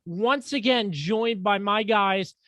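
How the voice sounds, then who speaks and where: A man's voice: high voice, slow pace, sharp tone, no room sound. A man hosting a casual sports podcast, joking sarcastically and tripping over his words. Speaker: podcast host.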